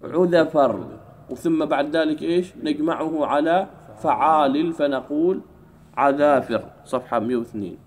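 A man teaching an Arabic grammar lesson in a classroom, drawing out key words slowly and keeping the class engaged with questions. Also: on the high side, darkish tone. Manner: drawls key words slowly, keeps asking "what?".

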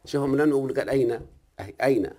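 A man's mellow, medium-pitched voice races through a private lesson in recitation and grammar. He has an Egyptian Arabic accent and a questioning manner, frequently stopping to confirm his student understands.

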